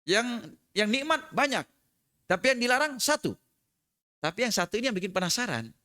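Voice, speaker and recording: A man preaching a sermon in a prayer room, moving from slow chanted recitation to lively joking explanation. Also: very high voice.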